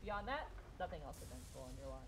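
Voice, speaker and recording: A woman with a fairly low voice runs a tabletop role-playing game. She describes scenes conversationally, making them up as she goes. There is faint noise in the recording. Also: sing-song, quick pace, fairly bright tone. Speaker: game master. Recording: background noise, room ambience.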